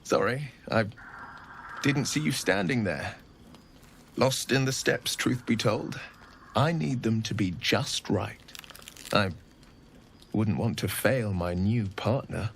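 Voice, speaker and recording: A man's voice: lowish voice, slow pace, long pauses, slight background noise. A man playing a courtly, poetic suitor in a video game, speaking in a gallant, formal and flowery way. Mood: bashful. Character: courtly romantic gentleman, gently poetic suitor. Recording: background music behind the voice. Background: clear music.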